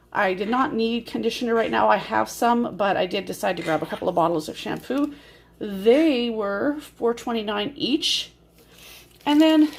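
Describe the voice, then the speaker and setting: A woman with a breathy voice, short of breath from bronchitis, chatting casually in a rambling, explanatory way as an amateur vlogger filming on a handheld phone at home. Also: a little high, slight background noise. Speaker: amateur grocery haul vlogger. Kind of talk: casual chatty haul narration. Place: indoors at home.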